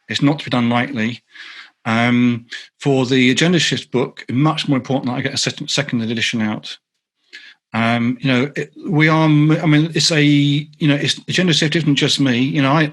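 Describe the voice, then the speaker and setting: A man's voice: mid-range voice, a bit bright. A man with a North London accent, a guest author answering questions on a video call, talking in a rambling way full of restarts and ums. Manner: rambling, self-correcting, lots of ums. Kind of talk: online meetup Q&A answer.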